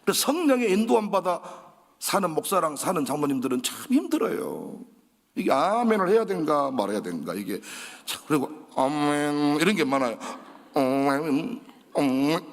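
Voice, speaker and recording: A middle-aged pastor with a Jeolla accent, preaching an animated storytelling sermon and acting out conversations in different voices. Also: male voice, fairly high pitch, a little fast. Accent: Jeolla Korean. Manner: dramatic, acts out dialogue in shifting voices. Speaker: guest pastor. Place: large church sanctuary. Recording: echoey church hall.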